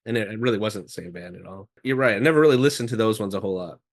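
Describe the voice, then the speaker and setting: A man's voice: fairly low pitch, racing. A man guesting on a podcast, talking about a band in an enthusiastic, rambling way. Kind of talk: casual chat about music.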